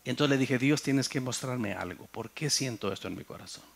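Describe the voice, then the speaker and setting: A middle-aged man with a Mexican accent, a pastor telling his testimony in a sermon, swinging between loud and hushed. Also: mid-range voice, a little fast, gravelly. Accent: Mexican Spanish.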